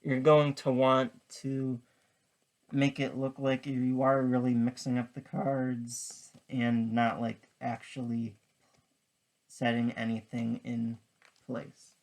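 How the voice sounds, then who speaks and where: Slow-paced, halting card trick tutorial presenter. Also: mid-range voice, completely flat delivery. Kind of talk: casual step-by-step magic tutorial patter.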